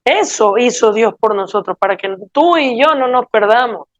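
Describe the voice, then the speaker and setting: A woman's voice: a little high, expressive, moderate pace, dry recording. A woman preaching a sermon in an earnest, pleading way, often asking the listeners rhetorical questions. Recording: dull lo-fi dry sound.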